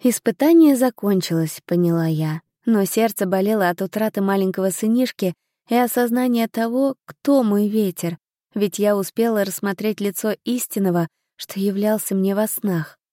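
A woman narrating a first-person fantasy audiobook with an expressive, emotional reading. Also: mid-range voice, normal speed, no echo, clean studio sound.

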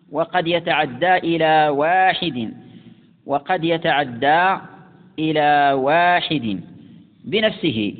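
Arabic grammar teacher, tinny echoing recording. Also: male voice, a little high. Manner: slow deliberate recitation of examples, repeating words. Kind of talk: lesson explaining classical grammar. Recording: tinny phone-like sound with long reverb.

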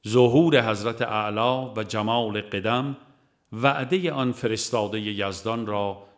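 Reading scripture and verse for a religious audiobook, this man's voice sits on the low side. His delivery is measured and formal, with pauses separating each phrase.

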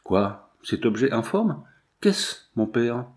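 A man's voice: medium pitch, sing-song, slow pace. A man reading aloud, voicing a cold and evasive young man who feigns surprise in guarded replies.

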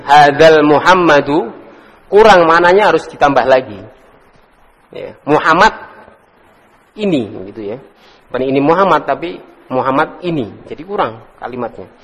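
This Arabic class is led by a man whose voice is fairly high and fairly bright. He drills words in a relaxed way, chuckles and calls on students by name, with the recording made in an echoey hall.

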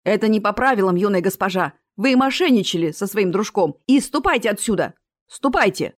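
A woman's voice: mid-range voice, moderate pace, no echo, clean studio sound, natural voice. A woman voicing an irritable, swindling male fairground showman in an audiobook. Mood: irritated. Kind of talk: audiobook character reading.

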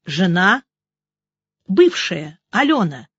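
A woman's voice: mid-range voice, sing-song, slow, a bit bright, breathy edge, no room sound, dull audio, heavily acted. A woman voicing a gloomy ex-wife who gives short, reluctant answers. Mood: terse. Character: gloomy widowed ex-wife, terse and tearful.

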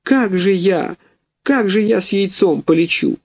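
A gloomy, worried old mother goose from a storybook, whining about her troubles, voiced by a man. The voice sits well above his normal pitch. The recording is close and dry. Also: animated, a little slow, no echo. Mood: fretful.

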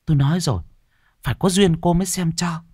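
A man's voice: on the high side, fast talker, a little mellow, husky, no room sound, studio quality, voice pushed up. A man voicing a village woman who urges others along in a matter-of-fact way, in a storybook reading. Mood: urging. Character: pushy village woman neighbor.

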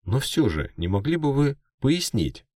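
Half-elf TV anchor, played by a man, fantasy audiobook: anxious, formal, insistent, raised pitch. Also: sing-song, normal speed, no echo, studio quality, distant mic. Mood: nervous, insistent. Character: anxious male half-elf television news presenter.

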